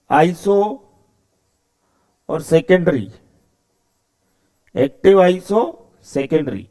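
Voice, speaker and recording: High-voiced chemistry teacher. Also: male voice. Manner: explains step by step, asks the class questions and answers them himself. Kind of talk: classroom lecture.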